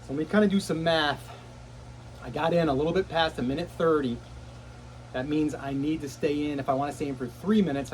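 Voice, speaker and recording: A fairly high-voiced man talks casually while sitting in ice cold water. He is breathless from the cold and puffs between short phrases, outdoors with a faint noise behind him. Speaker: vlogger. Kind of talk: casual self-talk to camera. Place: outdoors in a cold plunge barrel.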